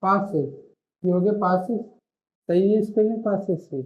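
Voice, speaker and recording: A man's voice: high-pitched, unhurried. A male shorthand teacher giving an online classroom lesson, explaining patiently and stopping often to ask and answer his own questions. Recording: muffled lo-fi recording.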